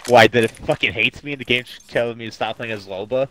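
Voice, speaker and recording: A man's voice: mid-range voice, quick pace, fairly bright tone, poor audio. A man in casual gaming chat, exasperated and swearing at the game. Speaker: gamer.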